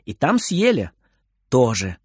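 A man reading a children's story aloud in an expressive narrating voice. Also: medium pitch, slow, slightly rough, no room sound, clean studio sound.

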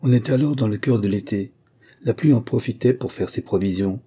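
Male fairy-tale narrator, low, very dark and husky, calm measured delivery. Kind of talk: scripted audiobook narration.

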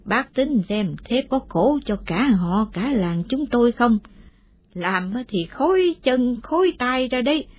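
Woman putting on a husky old village granny, rambly and chatty, kinda muffled lo-fi sound. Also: fairly high pitch, animated, voice pushed up. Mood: troubled, gossipy. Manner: rambling, drawn-out storytelling with fillers. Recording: muffled lo-fi audio.

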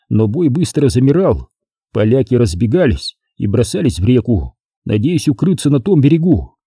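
Husky, expressive male audiobook narrator. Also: medium pitch, no echo, clean studio sound. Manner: expressive storytelling. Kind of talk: scripted narration.

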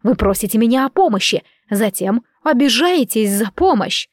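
A woman voicing a proud, quick-tempered young queen who speaks emotionally in an audiobook. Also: a little high, expressive, no echo, clean studio sound. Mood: indignant. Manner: emotional, impassioned.

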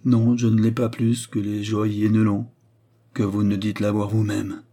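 A man's voice: on the low side, monotone, moderate pace, mellow. A man voicing a courtly cardinal in an audiobook reading, speaking in an earnest, pleading, courteous way.

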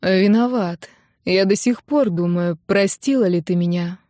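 A woman voicing a protective young man who is firm with others and gentle with his girlfriend. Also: medium pitch, takes it slowly, dry recording, clean studio sound, close to an everyday voice. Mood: tender. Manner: firm, then gentle and weary.

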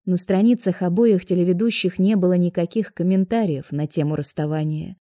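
A woman narrating an audiobook in a measured storytelling manner. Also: fairly low pitch, dark tone, no room sound, clean studio sound. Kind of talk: scripted narration.

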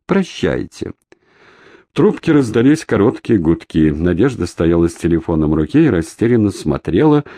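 A man narrating an audiobook in a steady, dramatic reading. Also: low voice, dry recording. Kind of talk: scripted narration.

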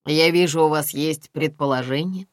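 A woman's voice: low voice, no room sound, close to an everyday voice. A woman reading an audiobook, voicing a male police investigator who speaks formally and drily. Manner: formal, measured, dry. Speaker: audiobook reader.

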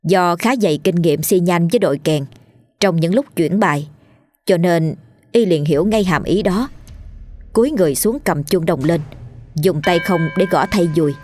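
A woman with a Southern Vietnamese accent narrating a ghost story in a lively, colloquial storytelling manner. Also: lowish voice, moderate pace, no echo, soft background music.

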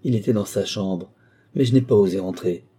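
A man reading the part of a proud young woman who answers back with sharp, scornful defiance. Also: on the low side, brisk, slightly rough. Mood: defiant.

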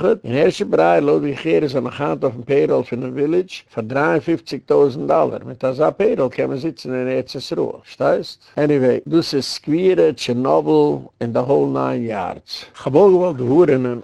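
Rabbi, male, gravelly voice, dry close sound; informal lecture delivered with incredulous scorn and frequent English words. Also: medium pitch, darkish tone, no room sound. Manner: exclaims, scoffs and laughs at the news he retells; mixes English words into his speech.

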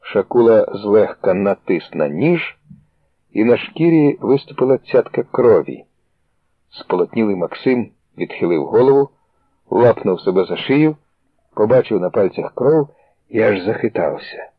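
Husky man narrating a story. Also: lowish voice, big pitch swings, a little slow, dry recording. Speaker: audiobook reader. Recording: dry, tinny phone-like sound.

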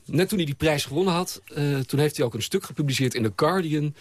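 A man's voice: a little high, fast, no room sound. A man reviewing a novel in a radio studio, speaking hesitantly with many filler sounds. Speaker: book critic.

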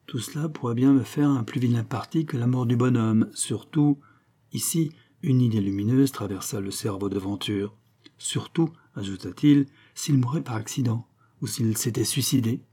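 A man narrating a classic novel in a measured, dramatic reading. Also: medium pitch, dark tone, slightly rough. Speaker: audiobook narrator.

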